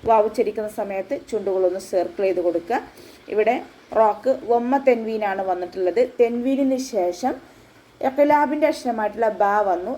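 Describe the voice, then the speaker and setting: A woman's voice: medium pitch, mellow, poor audio. A woman Quran teacher giving a patient, step-by-step tajweed lesson, often checking that her students follow. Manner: patient step-by-step instruction, with frequent checks for understanding.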